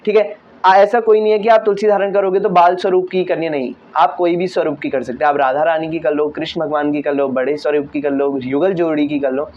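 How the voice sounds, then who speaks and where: A man's voice: on the high side, fairly even intonation, brisk, highs cut off. A teenage boy answering viewer questions in a casual, earnest way, often checking in with "okay". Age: teens. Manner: earnest, repeats "theek hai" often. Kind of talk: casual Q&A talk.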